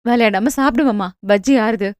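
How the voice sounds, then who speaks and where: A woman voicing a shy, lovestruck young village woman in a storybook romance, speaking softly with a sweet, whining tone. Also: a little high, moderate pace, no room sound, clean studio sound, close to an everyday voice.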